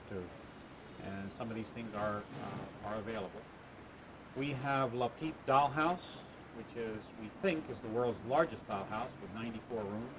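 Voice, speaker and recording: A man answering interview questions about the attraction he built, halting with many "uh" fillers and restarts, heard on a worn tape copy. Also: lowish voice, background noise. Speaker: attraction owner being interviewed.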